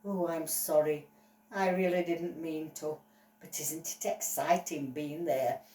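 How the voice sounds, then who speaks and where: A woman voicing an excitable male dog on trial, gushing and apologetic in a playful toy-play story. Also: low voice, unhurried, recorded from a distance, pitched below the performer's own voice. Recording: roomy echo, voice off-mic.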